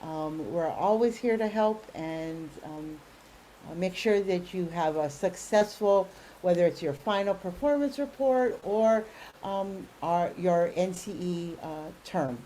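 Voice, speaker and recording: A woman hosts an online grant webinar, talking through schedules and reminders with plenty of "um"s. Her voice is mellow and warm. A faint hiss sits under the call audio. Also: fairly low pitch, expressive, slow, low-quality recording. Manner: many fillers, friendly and informative.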